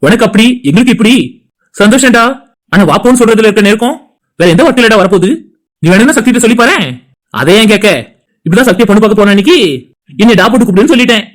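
A voice actor doing fast-talking Tirunelveli friends. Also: medium pitch, faint music behind. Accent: Tirunelveli Tamil. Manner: casual, teasing banter. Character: young male friends chatting. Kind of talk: cartoon voice acting.

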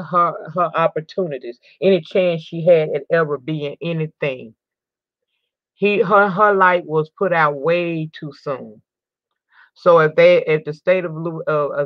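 A low-pitched female host of a crime news channel reads a story aloud, pausing to comment with emphasis and indignation and repeating words to drive points home. She sometimes falters and begins again. The sound is dry, dull, and lo-fi.

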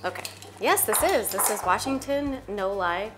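A woman's voice: mid-range voice, animated, moderate pace, background noise. A woman in her thirties hosting a cooking demo in a studio kitchen, chatty and bubbly, laughing often. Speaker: cooking show host. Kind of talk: casual cooking demo chat. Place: home-style studio kitchen. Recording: studio kitchen with background music.

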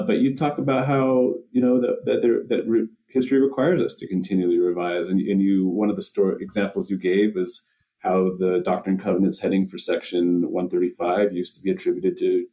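A man's voice: deep voice, warm tone, far from the mic. A man hosting a podcast interview, asking long, hesitant questions full of fillers. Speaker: podcast host.

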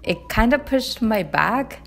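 A young woman from Japan with a Japanese accent, narrating her knitting vlog in a calm, gentle, chatty way; English is not her first language. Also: fairly high pitch, takes it slowly, vocal fry, soft background music. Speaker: knitting vlogger. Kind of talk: voice-over narration.

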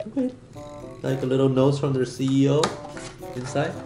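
A man in his thirties vlogs a casual, unscripted gadget unboxing in a small dining room at home, filmed on a camera set on the table or held at arm's length. His voice is medium in pitch and moderately paced. The room echoes, and there is background noise with music playing.

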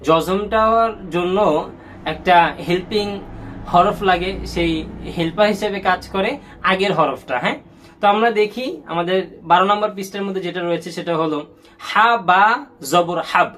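High-voiced man teaching Quran reading. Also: a bit bright, a little hiss or hum. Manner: spells out letter combinations slowly, then blends them; colloquial, mixes English words into his talk. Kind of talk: step-by-step reading lesson.

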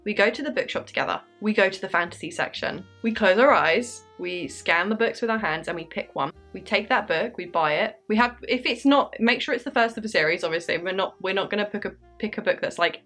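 A woman's voice: medium pitch, fairly bright tone. An English woman of twenty-six, chatting upbeat and apologetic while answering viewer questions in her bedroom, her throat a little dry. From England. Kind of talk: casual Q&A vlog. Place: bedroom with candles.

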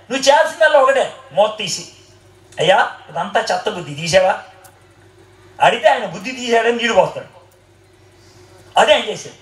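A man's voice: extremely high pitch, fairly bright tone. A man preaching a sermon to a live audience, quizzing the listeners and joking with them as he teaches. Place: hall with an audience. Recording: roomy echoing hall.

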